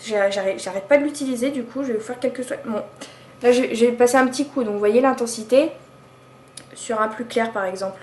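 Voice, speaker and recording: A woman's voice: a little high, brisk. Chatty French-speaking woman in echoey room. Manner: chatty, hesitant with frequent fillers and restarts. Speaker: beauty vlogger. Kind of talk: casual product haul review. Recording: echoey room with faint background noise.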